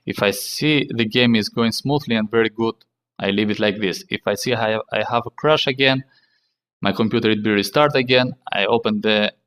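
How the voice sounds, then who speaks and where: A man hosting a casual tech tutorial in halting, non-native English, repeating himself and using fillers. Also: lowish voice, a bit bright. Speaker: tech channel host.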